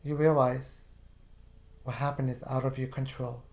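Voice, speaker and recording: In a mid-range voice, a man gently narrates a guided visualization at an unhurried pace, addressing the listener directly. He keeps a calm, quiet manner and uses casual fillers.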